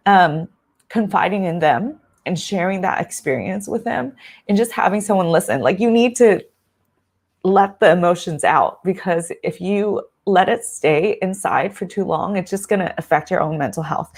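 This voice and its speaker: A young woman who is a family doctor, talking earnestly and emotionally in a casual vlog, choked up at times, with many fillers. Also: on the low side. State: choked up, near tears.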